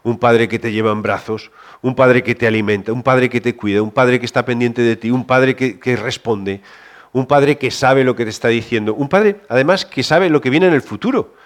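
A man from delivers a sermon in a conversational way, never quite reading a script. He stumbles and restarts often. His voice sits at an average pitch, drops to near-whispers on tender points, and climbs when he presses a question. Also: normal speed. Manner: conversational, many restarts, shifts between soft and raised. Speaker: preacher.

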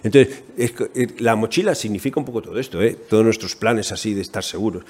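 A man preaching a sermon in a Spanish accent from Spain, conversational and animated, asking the congregation questions. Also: on the low side, fast, husky.

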